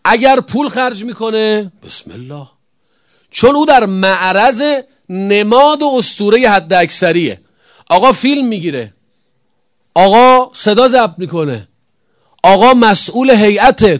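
A man preaching a religious sermon, emphatic, firing rhetorical questions and swinging between loud calls and hushed answers. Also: high-pitched, animated, dry recording, clean studio sound.

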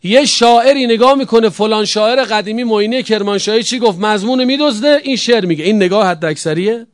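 A man preaches an emphatic religious sermon, firing off rhetorical questions and swinging between loud calls and hushed answers. His voice sits high, in a dry recording.

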